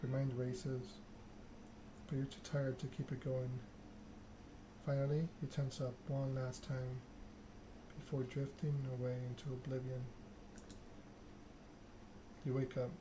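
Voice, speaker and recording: A video game streamer reads a story game's narrative text aloud as ASMR, in a mid-range voice. He's flat and deliberate, breaking the lines into short phrases, with clear background noise and clicking behind him.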